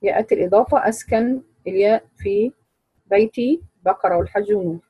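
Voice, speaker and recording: A woman teaching a Quran recitation class, explaining rules in a measured way and quizzing her students. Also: mid-range voice, husky, no echo, lo-fi sound.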